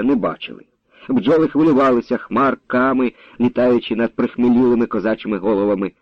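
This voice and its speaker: A man narrating a story in an expressive, animated reading style. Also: mid-range voice, no echo. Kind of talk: audiobook narration. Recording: dull lo-fi dry audio.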